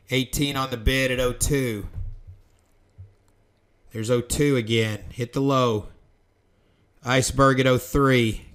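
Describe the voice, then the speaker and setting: A man's voice: mid-range voice, fairly bright tone. A man giving live trading commentary, calling out prices and orders in short bursts and talking himself through the trade.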